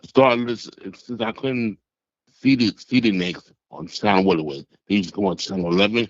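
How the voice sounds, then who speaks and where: Caller on a phone line: man in his sixties, low voice, rambling and halting, a little muffled. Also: dry recording. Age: 60s. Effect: heard over a phone line. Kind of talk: casual phone-in storytelling.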